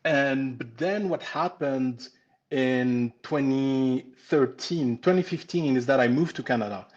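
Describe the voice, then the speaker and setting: A man's voice: medium pitch, slow pace, dull audio. A man in his forties from France with a French accent, hosting a casual live webinar on pastry-making and often restarting his sentences. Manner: chatty, warm-hearted, with frequent restarts and "um"s. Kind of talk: casual live-stream teaching. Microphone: computer mic on a live stream.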